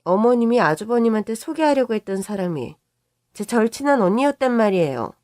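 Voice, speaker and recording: A woman's voice: a little high, big pitch swings, a little fast, a little mellow, no room sound, studio quality. Cheeky young sister-in-law, flippant, played by a woman storyteller. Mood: smug.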